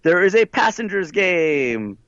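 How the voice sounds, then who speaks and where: A man's voice: sits high, big pitch swings, measured pace, a bit bright, no room sound. A man chatting casually over an internet call line that cuts out now and then, with a loose, filler-heavy way of talking. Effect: heard over an internet call line that cuts out. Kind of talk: casual chat. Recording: dull, dry call-line audio.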